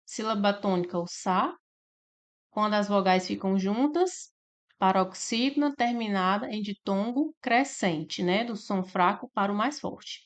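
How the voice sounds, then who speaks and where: Woman, Brazilian Portuguese accent, exam tutor, patient step-by-step explanation, mid-pitched voice. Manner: explains step by step, drawn-out syllables, frequent "né?" and "tá?". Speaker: exam prep teacher. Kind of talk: slide-based grammar lesson.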